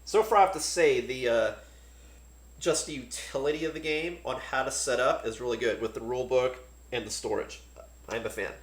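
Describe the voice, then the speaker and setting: A man casually talking through a board game unboxing, relaxed and thinking aloud with many fillers. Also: mid-range voice, a little fast, reverberant, slight background noise.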